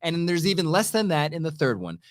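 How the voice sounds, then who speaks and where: A middle-aged man co-hosting a podcast in casual chat, animated and jokey. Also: fairly high pitch, a little fast, dry recording, studio quality. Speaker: podcast co-host.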